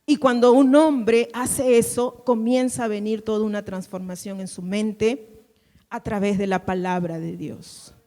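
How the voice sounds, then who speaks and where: A woman's voice: mid-range voice, steady tone, measured pace, mellow. A woman pastor giving an emphatic sermon, repeating phrases and having the congregation say lines back. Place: church. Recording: long hall reverb.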